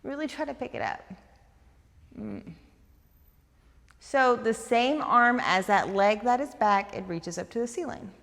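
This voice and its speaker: Fast-talking, eager female stretch instructor. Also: fairly high pitch, expressive, fairly bright tone, big-room sound. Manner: eager, talks fast, coaching cues. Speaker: fitness instructor. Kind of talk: guided stretching class.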